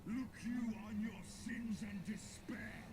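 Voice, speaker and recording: A man's voice: high-pitched, steady tone, slow pace, a crowd in the background. A man voicing a vengeful, imperious dragon in a fantasy game, making grand archaic proclamations. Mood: wrathful. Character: vengeful, imperious great dragon threatening doom. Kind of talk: fantasy video game voice acting. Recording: game audio under loud room noise.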